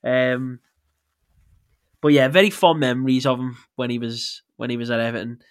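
A man's voice: medium pitch, fairly even intonation, moderate pace. A man hosting a casual football podcast, chatty and laughing often as he quizzes his co-host.

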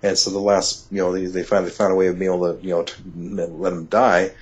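A man talking as an interview guest, telling a personal story in a halting way, full of restarts and "you know", and he gets excited when he is amazed. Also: sits low, slightly rough. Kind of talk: conversational storytelling. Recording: dull lo-fi audio.

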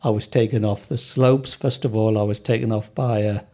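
A middle-aged or older man with a soft Sunderland accent, recalling things hesitantly as an interview guest. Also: lowish voice, fairly even intonation, moderate pace. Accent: softened Sunderland. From North East England, Sunderland area. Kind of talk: casual recollection in an interview.

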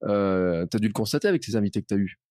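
A man chatting on a podcast in a lively, familiar way. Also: fairly low pitch, quick pace, no room sound, studio quality. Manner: chatty, lively, many "tu vois". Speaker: podcast host. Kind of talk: casual podcast conversation.

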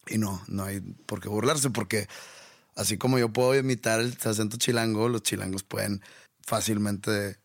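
A northern Mexican man talks in a relaxed, playful way. His voice sits low with a gravelly edge. The recording is close and dry. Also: normal speed, no echo. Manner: laid-back, playful, mimics accents. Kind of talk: casual chat.

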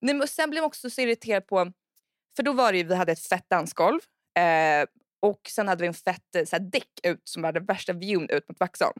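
A woman's voice: fairly low pitch, dry recording, clean studio sound. A young woman co-hosting a casual podcast chat, telling stories with frank swearing and acted-out quotes. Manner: animated storyteller who acts out loud quotes. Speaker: podcast co-host.

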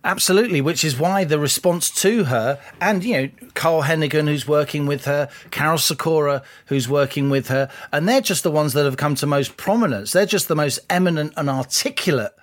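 Measured man, political co-host. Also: a little high. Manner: measured and analytical. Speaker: podcast co-host, columnist. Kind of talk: political analysis chat.

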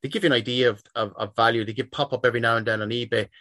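A man's voice: mid-range voice, fairly even intonation, racing, a bit bright, dry recording, clean studio sound. A middle-aged man with a west of Ireland accent talking casually and chattily in an interview, often circling back and restarting his phrases. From Sligo, west of Ireland. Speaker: interview guest, football jersey collector.

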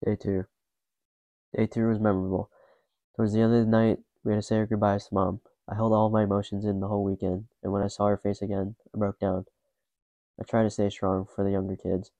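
A man's voice: on the low side, flat delivery, fairly quick, warm tone, no room sound, muffled recording. A young man reading a scripted, subdued personal narration about grief in a restrained way. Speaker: podcast co-host narrator.

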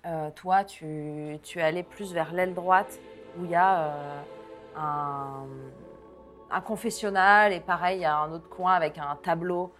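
Woman gm describing scenes, lowish voice, lots of euh, soft music behind. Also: steady tone, unhurried. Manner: descriptive, many fillers and restarts, laughs often. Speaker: game master. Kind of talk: narrating a tabletop game.

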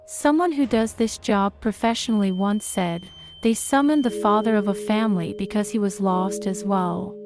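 A woman's voice: medium pitch, moderate pace. A woman from Turkey, narrating a paranormal anecdote as a storyteller. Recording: music behind the voice. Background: prominent music.

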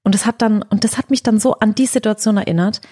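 A young woman, chatting casually as a co-host and retelling a story with lively quoted dialogue. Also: mid-range voice, quick pace.

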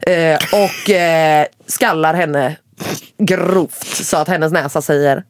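A young woman telling a wild story in casual podcast chat. She is animated, swears a lot and often drops English phrases into her talk. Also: sits low, background noise.

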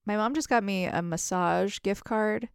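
Smooth-voiced playful woman guest. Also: mid-range voice, normal speed, no echo, studio quality. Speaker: podcast guest. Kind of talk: casual chat.

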